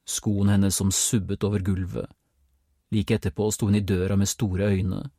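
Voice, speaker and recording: Low husky male audiobook narrator. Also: level tone, dark tone, no room sound, studio quality. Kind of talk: scripted narration.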